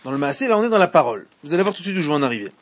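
A man's slightly high voice swings widely in pitch as he talks very fast. Teaching Torah in French with readings in Hebrew, he regularly questions his students and repeats himself, all in a muffled lo-fi classroom recording.

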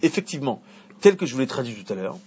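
A man teaching an evening Torah class to a small group, animated, with bursts of emphatic preaching. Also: fast talker, husky. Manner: animated, rises to emphatic high preaching at key points, interacts with listeners. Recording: dull lo-fi recording with faint background noise.

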